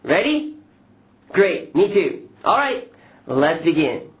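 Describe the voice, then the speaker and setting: Guy teaching pronunciation, really slow exaggerated speech, voice goes up and down a lot. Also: a little high, very animated. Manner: slow, exaggerated speech modeling, deliberate and instructional. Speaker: pronunciation teacher, lesson host. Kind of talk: instructional lesson to camera, addressing learners.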